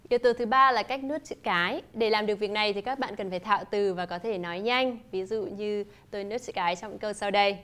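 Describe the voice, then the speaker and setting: A woman teaching a lesson, explaining in a clear, measured way and demonstrating example phrases. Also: mid-range voice, a bit bright. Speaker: English teacher. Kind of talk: scripted lesson narration.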